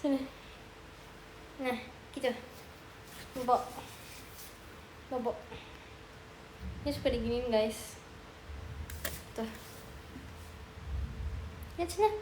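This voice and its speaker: A young Indonesian woman chatting on a phone livestream with a high voice. She talks at an unhurried pace and drops into cooing baby talk for her cat. A faint hiss sits under her voice. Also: a little mellow. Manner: coos and baby-talks to her cat, reads chat aloud. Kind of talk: casual live stream chat.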